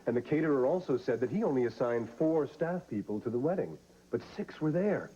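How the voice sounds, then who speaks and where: A man's voice: mid-range voice, animated, brisk, dark tone, natural voice. An actor playing an anxious young man looking for his kidnapped bride in a 1990 TV soap, explaining in an earnest way, on dull lo-fi TV audio with faint hiss.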